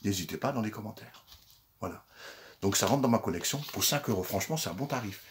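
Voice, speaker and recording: An older man with a somewhat low voice talks casually about his collector finds. He recorded it on his phone, and he keeps circling back with fillers and small restarts. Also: expressive, fast, slight background noise. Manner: chatty, with frequent fillers and restarts. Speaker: secondhand collector vlogger. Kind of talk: casual chat.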